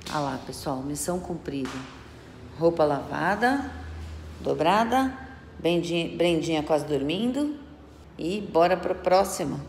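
A woman's voice: deep voice, lively intonation, a little slow, darkish tone, slight background noise. A middle-aged woman from Brazil chatting casually as she films a walking tour of a large indoor shopping mall on a handheld phone. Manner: chatty, pointing things out to viewers. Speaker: travel vlogger.

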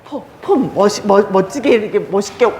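Lively Korean woman leading senior recreation. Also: medium pitch, a little fast. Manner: cheerful chants and cues, talks down to elders warmly. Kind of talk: leading a group clapping exercise. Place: day care center activity room. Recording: echoey room, faint noise.

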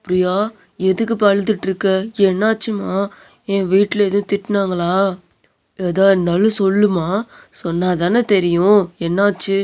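A patient young husband in a cartoon story, played by a woman, coaxing and soothing in a flat, even line. The tone is clear and smooth, at a middle pitch. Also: moderate pace, pauses often, close to an everyday voice. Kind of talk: animated story dub.

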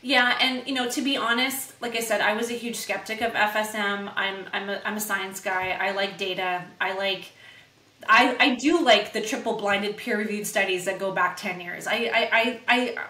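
Animated woman telling stories, echoey. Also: mid-range voice, normal speed. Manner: animated, acts out quoted dialogue. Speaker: guest, microcurrent practitioner. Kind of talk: conversational interview storytelling.

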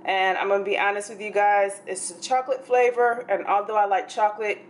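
A woman's voice: mid-range voice, little pitch movement, brisk, echoey room, a little hiss or hum. A young woman talking casually to camera in her home kitchen, chatting loosely with lots of fillers. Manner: chatty, rambling, with many fillers. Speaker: fitness vlogger. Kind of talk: casual vlog chat. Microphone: camera held close.

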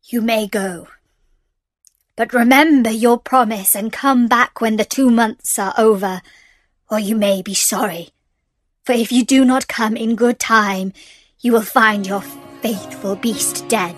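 Woman reads a sad, gentle storybook beast, slow and lower, with dry close sound. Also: no echo, soft background music. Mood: mournful, pleading. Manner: slow, mournful and pleading. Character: sad gentle male beast, lovesick and pleading. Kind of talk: storybook reading.

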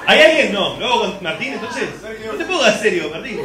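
On a club stage, a man with an Argentine Spanish accent performs live stand-up, brash and swearing as he works the crowd. His voice is high-pitched, sing-song and fairly quick. The club is echoey and the crowd is loud.

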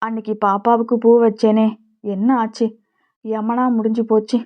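A woman's voice: a little high, little pitch movement, moderate pace, natural voice. Woman reading as a plainspoken old flower seller. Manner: colloquial, plainspoken. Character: poor older flower-selling woman, kindly, devout. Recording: dull lo-fi recording.

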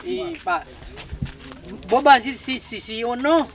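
A man's voice: very high-pitched, expressive, a little slow, fairly bright tone, far from the mic, exaggerated voice. A young man playing a nosy workmate in a comedy sketch, eagerly telling a story full of gossip. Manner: gossipy, blurts repeated yeses.

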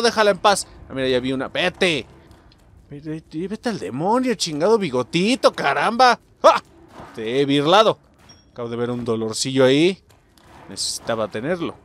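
A man with a Mexican accent commentating a video game as host, excitable and swearing, shouting at the game. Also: on the high side. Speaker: gaming channel host. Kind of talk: let's play commentary.

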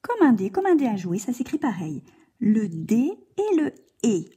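A woman's voice: fairly high pitch, very animated, warm tone, slightly rough. A woman teaching a handwriting lesson to a child, guiding patiently step by step. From France. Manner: slow, patient step-by-step guidance, addressing a child.

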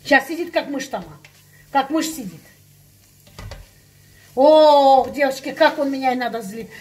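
A woman's voice: high voice, measured pace. Fired-up woman venting to the camera. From Russian-speaking, living in Spain. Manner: heated, emphatic, repeats herself, addresses viewers as girls. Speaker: vlogger. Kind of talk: ranting chat to viewers.

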